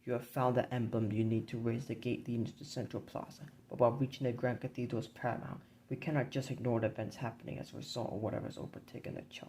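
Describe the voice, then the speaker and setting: A man narrating a dark board game campaign in a measured, grim storybook reading. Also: mid-range voice, level tone, a little hiss or hum, low-quality recording.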